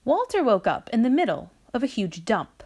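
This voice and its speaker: A woman reading a children's story aloud, with a slow, expressive delivery. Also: on the high side.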